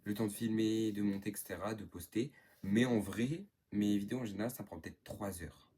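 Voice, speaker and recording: A man's voice: on the low side, fairly quick, noisy background. A teenage boy from northern France answering viewer questions in a casual, rambling vlog, full of fillers. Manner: chatty, rambling, lots of fillers. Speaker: YouTuber.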